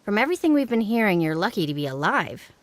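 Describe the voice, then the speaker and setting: A woman's voice: mid-range voice, big pitch swings, fast talker, close to an everyday voice. An actress playing a timid, sweet young woman in a mystery game. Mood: concerned. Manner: timid, apologetic.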